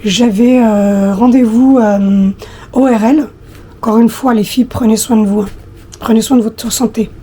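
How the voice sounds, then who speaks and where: A woman in her thirties with a husky, slightly hoarse voice, chatting casually to her viewers with many hesitations. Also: a little high, steady tone, normal speed, mellow, slight background noise. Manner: hesitant, many fillers, talks directly to viewers. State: hoarse after flu, coughing. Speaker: lifestyle vlogger.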